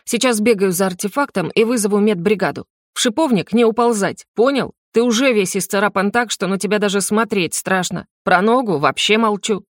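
Storybook: woman doing an indignant, huffy dragon lord, mid-pitched, dry booth read. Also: brisk, hardly any pauses, dry recording, close to an everyday voice. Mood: exasperated. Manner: sarcastic, barking, indignant. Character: irritable wealthy male dragon, gruff and sarcastic.

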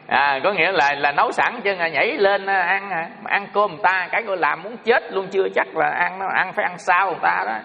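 Folksy man preaching in a hall. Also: fairly high pitch. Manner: homespun, repetitive, full of fillers. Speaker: speaker addressing an audience. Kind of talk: moral talk with folksy storytelling. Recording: dull lo-fi sound in a reverberant hall.

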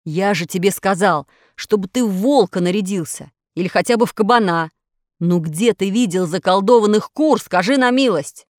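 A woman's voice: medium pitch, moderate pace, a little mellow, dry recording, clean studio sound, close to an everyday voice. A woman voicing a blunt male villager who scolds and mocks his friends. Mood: scolding.

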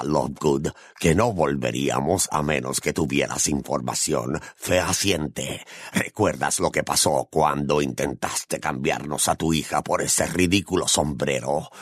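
A harsh, menacing Death Eater voiced by a man in an audiobook. The voice sits extremely low and gravelly, every line a sneering threat. It is recorded dry and close. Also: unhurried, dry recording. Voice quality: rough, gravelly. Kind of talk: audiobook narration.

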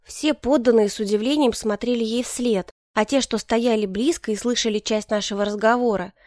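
Higher-pitched woman, calm wry narration. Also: moderate pace, no room sound, clean studio sound. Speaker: audiobook narrator. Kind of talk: first-person scripted narration.

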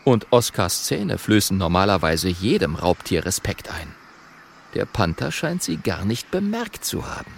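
A man narrating a children's audiobook in an expressive, measured way. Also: low-pitched, creaky, slight background noise.

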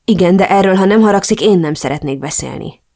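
A woman's voice: mid-range voice, darkish tone, natural voice. A woman reading an audiobook, voicing a troubled, remorseful young man in a subdued way. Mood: regretful.

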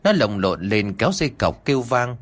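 A man narrating a rural ghost story in an expressive, dramatic storytelling manner. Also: medium pitch, normal speed.

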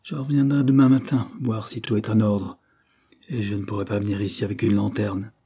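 Guilty young guy muttering to himself, low dark husky voice, narrator doing him. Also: level tone, a little fast. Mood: nervous. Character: nervous young man, furtive and guilty.

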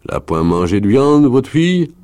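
A man voicing a gruff, uncanny wolf leader who speaks in rough rural dialect, in a read-aloud story. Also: deep voice, lively intonation, takes it slowly, darkish tone, pitched above the performer's own voice. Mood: coaxing. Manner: rough peasant dialect, raised voice.

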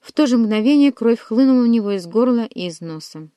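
A woman narrating a classic historical novel as an audiobook, reading in a dramatic, expressive way. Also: a little high, fairly quick, no echo.

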